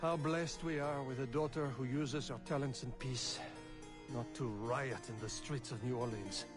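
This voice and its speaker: A man's voice: mid-range voice, natural voice. A man playing a dignified, protective father in a video game, speaking in a formal, old-fashioned way. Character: dignified middle-aged father, protective and courteous. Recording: game audio with soft music.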